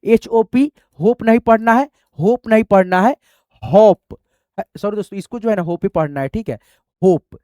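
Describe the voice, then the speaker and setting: High-voiced man teaching English spelling. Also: a little fast, darkish tone, dry recording, clean studio sound. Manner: repeats "doston" and "theek hai", quizzes the viewer; spells words letter by letter. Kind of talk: online classroom lesson.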